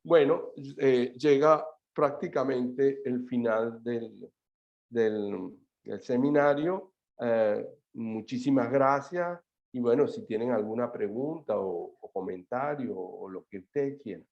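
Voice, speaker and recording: A man presenting at an online math seminar at a middle pitch, pausing often and restarting his sentences. His voice comes through a dull, lo-fi video call line. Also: a little mellow. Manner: halting, many fillers and restarts. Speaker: seminar speaker. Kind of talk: academic talk and answers.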